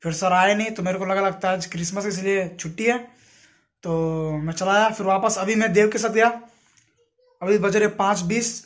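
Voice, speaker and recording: A young adult male vlogger with a high, steady voice talks at a normal pace, chatting informally to camera and treating his audience as friends. He's moving around a home indoors and outdoors, and the handheld phone audio, captured at arm's length, is noisy.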